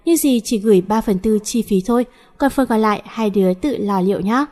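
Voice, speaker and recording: A woman's voice: medium pitch, a little fast, darkish tone, close to an everyday voice. A woman voicing a firm, middle-aged widowed aunt who lays down the rules. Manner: firm, decisive.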